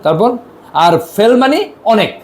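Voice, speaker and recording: A male language teacher with a Bangladeshi Bengali accent leads a class. His voice sits high and swoops up and down as he drills pronunciation, says words slowly and again, and checks whether his students follow. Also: lively intonation, darkish tone. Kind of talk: classroom lesson.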